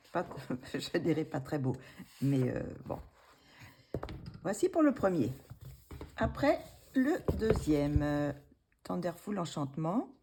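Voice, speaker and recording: A woman casually showing her coloring books, hesitant with many fillers and restarts, gently self-deprecating. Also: sits low, gravelly, slight background noise. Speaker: coloring book vlogger.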